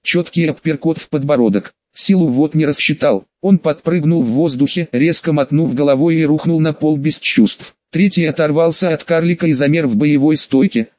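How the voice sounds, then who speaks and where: Male narrator, first-person audiobook, raised pitch, dry close sound, muffled lo-fi audio. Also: moderate pace, few pauses, dry recording. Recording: dull lo-fi audio.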